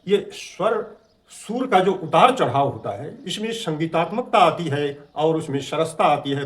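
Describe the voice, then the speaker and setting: A man teaching a grammar lesson, patiently explaining and drawing out vowel sounds to demonstrate pronunciation. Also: fairly high pitch. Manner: slow, drawn-out vowel demonstrations.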